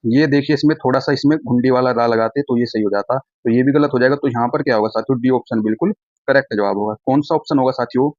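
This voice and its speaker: Brief: male tutor, rapid drilling delivery, dry close recording. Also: medium pitch, dry recording, dull audio. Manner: brisk, repetitive, calls students friends. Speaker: teacher. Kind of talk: online exam-prep lecture.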